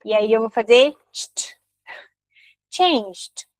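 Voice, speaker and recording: Young Brazilian woman, English teacher, online lesson, animated, models pronunciation slowly, dry close sound. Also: a little high, no echo, poor audio. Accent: Brazilian Portuguese. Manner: lively, explains slowly, models English words carefully.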